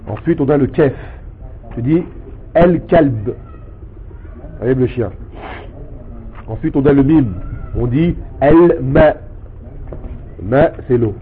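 A man teaching a language lesson, explaining patiently step by step and repeating words slowly for his student. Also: medium pitch. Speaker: Arabic teacher. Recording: tinny phone-like sound with faint noise.

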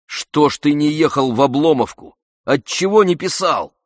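A man voicing an energetic friend who urges loudly and emphatically. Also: on the high side, normal speed, no echo, clean studio sound, voice pushed up. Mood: urging. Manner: emphatic, urging, loud. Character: energetic, insistent male friend, forceful.

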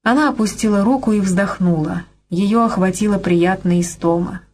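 A woman reading a romance novel as an audiobook narrator, in a measured, even way. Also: medium pitch. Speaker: audiobook reader. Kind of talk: scripted narration.

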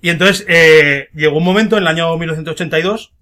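Bright-voiced joking podcast host. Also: male voice, on the high side, fast. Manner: jokey storyteller, acts out quotes in silly voices. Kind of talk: casual comedic film podcast chat.

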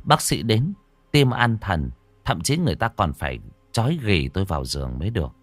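A man with a low voice narrates a horror story dramatically. His pitch rises and falls widely as he tells it. The recording is close and dry. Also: a little fast, no echo, faint music behind. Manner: dramatic, expressive.

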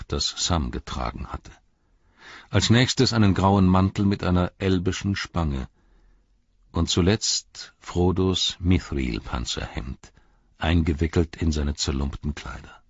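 Deep-voiced male audiobook narrator. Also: slightly rough, dry recording, dull audio. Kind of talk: scripted fantasy narration.

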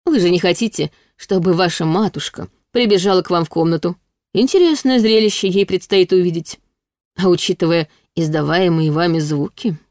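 A woman's voice: lowish voice, moderate pace, darkish tone, no room sound, clean studio sound, lightly acted. A woman voicing a smug, teasing male demon in a storybook reading, with a mock-sweet, drawling delivery.

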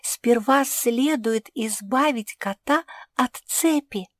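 A woman voicing an anxious little female pug who pleads in a high, urgent voice. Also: slow, dry recording, clean studio sound. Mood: anxious pleading.

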